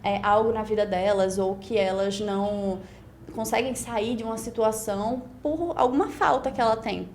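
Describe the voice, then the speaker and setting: Speaking at a normal pace in a medium-pitched, somewhat dark tone, this twenty-something pageant winner from Pernambuco talks over faint background noise. As a guest on a relaxed podcast interview, she recounts her story reflectively in long, flowing stretches in Brazilian Portuguese, frequently tacking on "né?".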